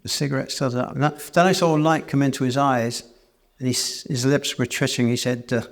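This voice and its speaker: Brief: male cabaret storyteller, mid-pitched, meandering self-deprecating stage yarn, live in a church. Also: moderate pace. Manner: rambling and self-deprecating, with many restarts. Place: church hall, live performance.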